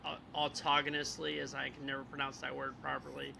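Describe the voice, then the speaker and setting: A man's voice: medium pitch, monotone, a little fast, creaky, noisy background. A man co-hosting a podcast, explaining things in a rambling casual way, laughing often and losing his place. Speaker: podcast co-host. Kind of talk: casual chat.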